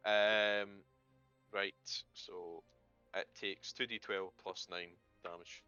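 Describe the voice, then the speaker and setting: A man's voice: deep voice, little pitch movement, slow, pushed and bright, clear, resonant tone, muffled recording, soft background music. A man running a tabletop game, thinking aloud and swearing casually. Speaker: game master.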